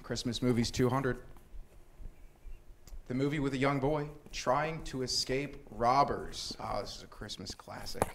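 A man's voice: medium pitch, unhurried, vocal fry, a bit bright, slight background noise. A man hosting a casual Christmas quiz game, upbeat and laughing often as he reads the questions. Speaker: host.

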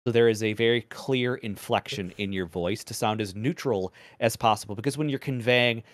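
A man and former radio presenter, chatting as a podcast guest in a measured, deliberate way, projecting from the diaphragm and swearing casually. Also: fairly low pitch, dry recording, clean studio sound. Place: podcast recording.

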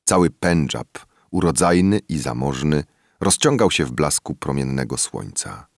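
A man narrating a classic novel as an audiobook, in a measured, expressive storytelling manner. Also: rumbling low, no room sound, clean studio sound.

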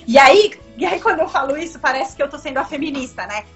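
A Brazilian woman in her thirties, a comics editor, talks fast in a high, animated voice during a casual, emphatic video-call interview from a room at home. Soft music plays behind her, and she uses many fillers and restarts. Her laptop webcam gives dull lo-fi call audio.

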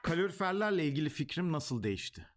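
A man's voice: on the high side, big pitch swings, fast, soft background music. A man reading out joke questions and bantering as a comedy quiz contestant. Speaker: comedy game show contestant. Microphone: studio desk microphone.

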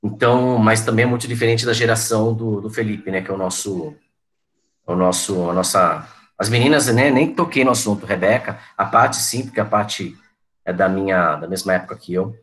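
Chatty teacher in his forties, low voice. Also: a little fast, a bit bright. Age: 40s. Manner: chatty, reminiscing, addresses students by name. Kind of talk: online class talk.

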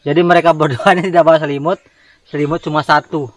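A man's voice: a little high, fairly even intonation, fast, no room sound. A man in his thirties chatting casually to viewers while camping by a river in a forest. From Indonesia. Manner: chatty, addresses viewers as guys. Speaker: vlogger. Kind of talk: casual outdoor vlog talk. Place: forest camp by a river, outdoors.

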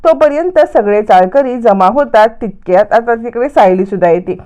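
A woman narrating a TV serial recap in a lively storytelling way, repeating words for emphasis. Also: a little high, normal speed.

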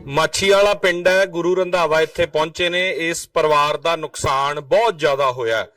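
A man's voice: on the high side, normal speed, a bit bright, far from the mic, faint music behind. A man reporting from a flood-damaged house, earnestly describing the damage and asking questions. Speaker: reporter and interviewer. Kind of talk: field reporting.

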